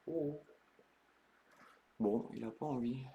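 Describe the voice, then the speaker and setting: A man streaming a live card break, calling out each card in slow, hushed commentary that bursts into ecstatic shouting. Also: mid-range voice, lo-fi sound, slight background noise.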